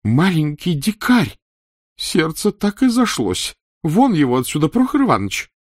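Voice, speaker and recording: Fussy older empress, put on by a male reader, high and swooping, dry close sound. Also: sing-song, slow, dry recording, exaggerated voice. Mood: indignant. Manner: high, breathy put-on woman's voice. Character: aging empress, fussy, easily alarmed.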